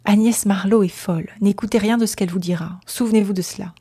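A woman's voice: mid-range voice, fairly even intonation, fast, warm tone, slightly rough, dry recording. A woman reading a novel aloud, voicing a stern young husband who gives firm, clipped commands.

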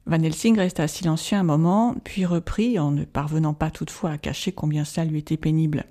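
A reader narrating an audiobook in a calm, even storytelling manner. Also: medium pitch, brisk.

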